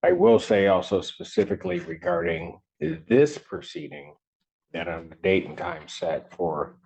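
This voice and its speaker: Gravelly low-voiced judge in a courtroom recording. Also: male voice, very animated, a little mellow. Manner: measured, halting, many ums. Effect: courtroom audio recording. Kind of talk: formal court proceeding. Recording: muffled courtroom recording, faint hiss.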